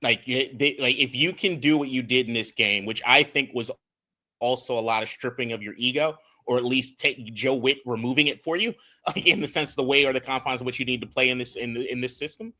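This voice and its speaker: Breaking down game film on a casual sports podcast he co-hosts, a young man speaks in a bright, forceful, mid-range voice at a slightly fast clip. He's animated, swears freely, and trips over restarted words.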